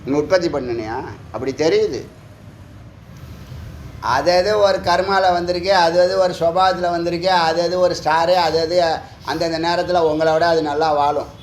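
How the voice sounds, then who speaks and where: A man delivers a spiritual talk, firing rhetorical questions at his listeners and scolding them with a teasing edge. His voice sits fairly high. It rings in an echoey room over a faint hum of background noise. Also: moderate pace. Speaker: spiritual teacher. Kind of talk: Tamil discourse on scripture.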